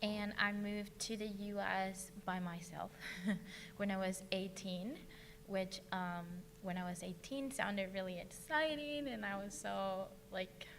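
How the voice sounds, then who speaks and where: A woman tells her story on a panel, soft and reflective, pausing now and then. Her voice carries a long reverb from the hall, with a faint hum underneath. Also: medium pitch. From Venezuela. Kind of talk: personal testimony on a panel.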